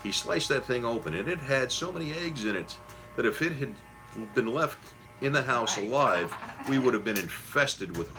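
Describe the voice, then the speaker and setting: A man's voice: mid-range voice, animated, normal speed, over music, poor audio. A middle-aged man from New City, telling stories casually in a folksy, reminiscing way. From Queens, New York City. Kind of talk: casual storytelling.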